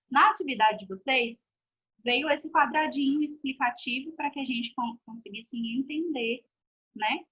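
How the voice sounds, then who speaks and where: In a low-quality recorded video lesson, a female teacher with a bright, forceful, rather high voice patiently goes over points again and checks that her pupils are keeping up.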